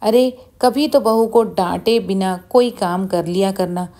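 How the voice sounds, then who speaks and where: A woman's voice: medium pitch, measured pace, warm tone, natural voice. A woman doing a kindly older father-in-law. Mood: fatherly.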